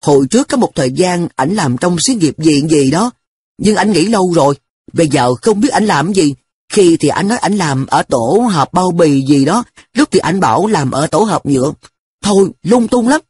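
A man's voice: fairly high pitch, expressive, moderate pace, a little mellow, husky, pitched above the performer's own voice. A man voicing a carefree schoolboy who shrugs off studying, talking in an offhand, nonchalant way.

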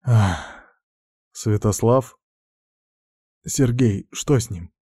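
A man voicing a badly wounded, stubborn young male warrior leader in an audiobook, speaking low and weak. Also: very slow, dark tone, breathy edge, dry recording, studio quality, full character voice.

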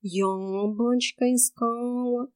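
A woman's voice: very high voice, animated, very slow, no echo, studio quality, pitched above the performer's own voice, exaggerated voice. A woman voicing a lazy, talkative male house cat who grumbles in a sleepy, whiny way. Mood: sleepy grumbling.

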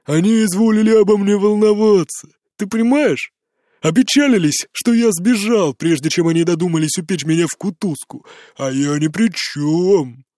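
A drunk, bitter man who drawls slowly and jeers at everyone around him, voiced by a male reader. His speech is slurred and loose, climbing into shouts when he loses control. The voice sits high, and the reading is dry and close. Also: expressive, dry recording. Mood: drunkenly mocking. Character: drunk bitter middle-aged man, mocking and volatile.

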